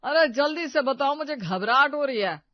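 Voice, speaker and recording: A woman's voice: medium pitch, moderate pace, no room sound, close to an everyday voice. Lady doing a harried cartoon father-in-law, worried and fed up, dull dry audio. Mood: anxious. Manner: anxious, exasperated. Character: flustered, put-upon middle-aged father-in-law man.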